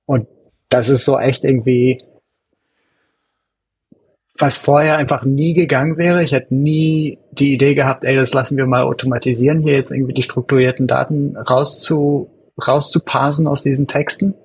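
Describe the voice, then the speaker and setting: A man's voice: mid-range voice, fairly even intonation, moderate pace, darkish tone, a little hiss or hum. A man talking casually on a tech podcast, loose and colloquial with frequent hedges. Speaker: podcast guest.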